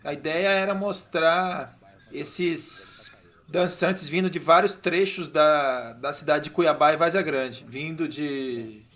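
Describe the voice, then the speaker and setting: Male filmmaker, higher-pitched voice, easygoing scene-by-scene commentary. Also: slow pace. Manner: relaxed, descriptive, hesitant restarts. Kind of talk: film commentary track.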